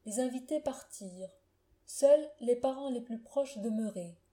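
A woman's voice: a little high, animated, unhurried, mellow. Solemn woman reading a classic tale. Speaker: narrator. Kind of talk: literary audiobook reading.

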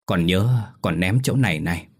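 A man's voice: deep voice, moderate pace, breathy edge. A man voicing a simple little village boy.

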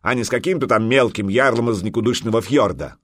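A man's voice: medium pitch, sing-song, moderate pace, fairly bright tone, no echo, clean studio sound. A man voicing a huge gray-bearded old warrior chief who taunts and bellows. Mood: defiant.

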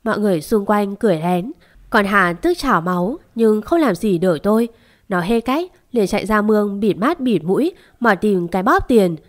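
A woman tells a first-person story. Her narration is dramatic, and she voices heated quarrels with sharp bursts. Her pitch sits in the middle range. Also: expressive, normal speed.

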